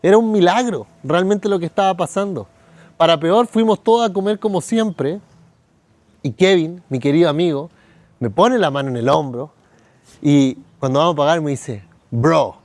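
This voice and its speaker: A man's voice: fairly high pitch, moderate pace, a little mellow, dry recording. A man, preaching a sermon at a church service and telling a personal story in which he acts out other people's words. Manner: storytelling, acts out quoted voices. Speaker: pastor.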